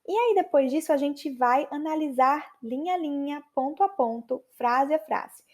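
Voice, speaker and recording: A Brazilian woman hosting a podcast English lesson, lively and chatty, slowing down to repeat phrases for practice. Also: high-pitched. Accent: Brazilian Portuguese. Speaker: podcast host and English teacher.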